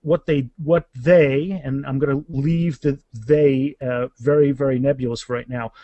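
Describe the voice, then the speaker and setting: A guest author talks about his books in a casual, animated interview, speaking emphatically and often repeating words as he explains. His voice is medium-pitched with a darkish tone, and the recording is dry.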